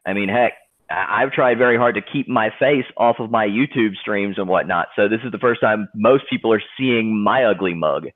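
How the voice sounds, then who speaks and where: A man chatting in a relaxed, easygoing way on a group video call. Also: lowish voice, normal speed. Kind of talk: casual group video chat. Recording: tinny phone-like call audio.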